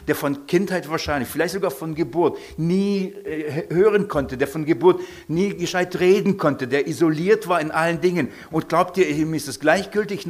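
A male preacher, delivering a sermon in a lively, questioning way. His voice often sinks to a quiet, low tone, and he draws his listeners in with questions.

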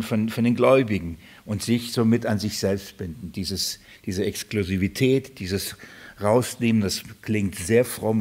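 A man preaching a sermon to his congregation, speaking in a halting way with repeated words and frequent fillers. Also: on the low side. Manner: addresses congregation directly.

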